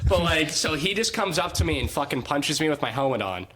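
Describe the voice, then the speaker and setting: A young man co-hosting a casual podcast, telling crude high school stories with lots of swearing and laughing. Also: very animated, fairly quick, fairly bright tone, soft background music. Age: young adult. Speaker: podcast co-host.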